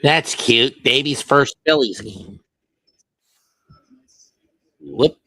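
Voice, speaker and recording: A man's voice: medium pitch, expressive, drawn-out words, bright, forceful tone, no room sound, rough recording. A man calling baseball play-by-play for a stream in short, offhand calls with side remarks, close on the mic. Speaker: play-by-play announcer.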